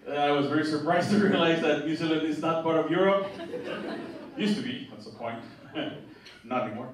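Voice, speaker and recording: On a theatre stage, a young stand-up comedian with a Mexican accent talks a little fast in a higher voice. His set is loose and chatty, full of stumbling restarts and laughter at his own lines, captured from afar in a noisy, echoing hall.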